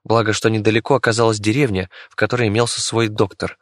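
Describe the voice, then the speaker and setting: A man's voice: on the low side, level tone, quick pace, dry recording, clean studio sound, close to an everyday voice. A man voicing a young fox girl in an audiobook, cold and matter-of-fact. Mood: explaining. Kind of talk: audiobook character voice.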